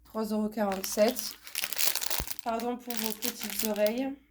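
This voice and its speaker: Slow-talking woman with a stuffy nose. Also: on the high side, steady tone, background noise. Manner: chatty, repeats words, many fillers. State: congested, talking through the nose from a cold. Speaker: vlogger showing a haul. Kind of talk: casual unboxing chat.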